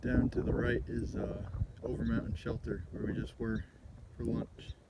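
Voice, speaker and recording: A man casually narrating a hiking vlog outdoors, talking in strong wind high on a mountain. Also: flat delivery, normal speed. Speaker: hiker filming a trail vlog. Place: outdoors on windy mountain trail and balds. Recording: muffled lo-fi camera audio, loud wind noise. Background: loud gusting wind.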